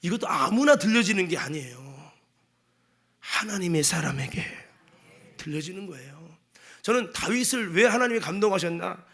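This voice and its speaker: A male pastor giving a Sunday sermon in a church, emphatic and dramatic, acting out quotes and sometimes shouting. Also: sits high, lively intonation, normal speed. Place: church sanctuary.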